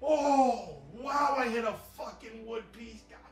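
A young man with a lisp, streaming a game live and yelling and swearing in bursts of rage. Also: extremely high pitch, a little slow, music in the background. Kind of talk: raging live-stream commentary.

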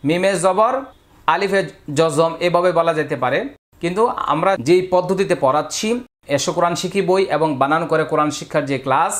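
A man's voice: on the high side, a little fast, a bit bright. A man with a Bangladeshi Bengali accent teaching a step-by-step reading lesson, patiently drawing out and repeating syllables for learners to copy.

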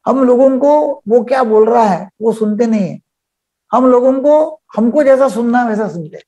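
A man's voice: extremely high pitch, animated, moderate pace, warm tone. An older man, a psychiatrist leading a live webinar over a video call, explaining by acting out little dialogues.

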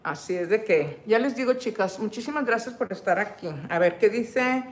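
A middle-aged woman chats on a livestream for her cooking channel. Her voice sits a little high, and she laughs often and drops English phrases into her talk. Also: animated, moderate pace. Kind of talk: casual livestream chat.

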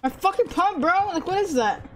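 A woman chatting casually while gaming, excitable, swearing and repeating words in quick bursts. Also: extremely high pitch, a little hiss or hum. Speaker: gamer. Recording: clear game gunfire behind voice.

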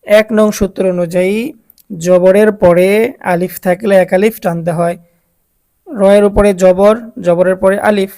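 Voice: medium pitch, level tone, warm tone. Patient teacher explaining step by step. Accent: Bangladeshi Bengali. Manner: slow, patient, repeats and quizzes learners. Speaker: Quran reading teacher. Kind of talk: recorded step-by-step lesson.

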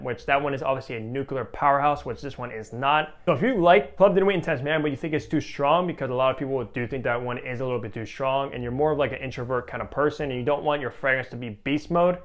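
A young man in his twenties casually reviewing a fragrance, animated and enthusiastic, with a lot of "like" fillers, on a clip-on mic. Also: medium pitch, fast talker, few pauses. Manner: animated and enthusiastic, many "like" fillers, gestures with a test strip. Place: room with shelves of perfume bottles. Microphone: small clip-on mic on shirt.

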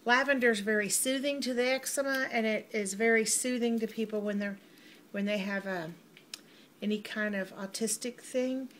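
Woman, middle-aged, bubbly vlogger, slightly high voice; noisy home recording. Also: fairly even intonation, normal speed, a bit bright. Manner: gushing, chatty, addresses viewers as y'all. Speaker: vlogger unboxing a mail order. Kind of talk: casual unboxing chat.

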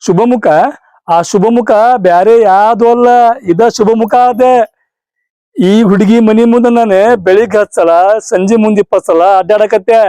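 A cowardly, sheepish village husband from a cartoon comedy, voiced by a man, pleading and making excuses in a North Karnataka accent. His voice is pushed up into a very high register. The recording is dry, with no room sound. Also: normal speed, mellow, no room sound, close to an everyday voice. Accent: North Karnataka Kannada. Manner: defensive, pleading explanations.

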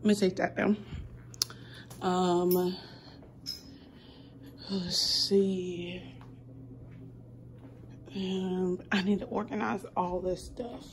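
A woman's voice: fairly low pitch, little pitch movement, very slow, long pauses, a little hiss or hum. Chatty young woman rambling to her phone. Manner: rambling, chatty, with many ums and restarts. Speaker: kindergarten teacher and vlogger. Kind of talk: casual vlog chat.

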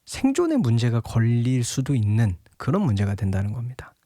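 A man's voice: medium pitch, huge pitch swings, fairly quick, mellow, no echo, studio quality. A young man giving a casual devotional Bible talk, chatty and laughing often, at times acting out a scolding father.

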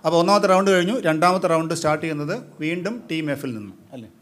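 A man hosting a live quiz as quizmaster, briskly prodding the teams and questioning their answers. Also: on the high side, a bit bright.

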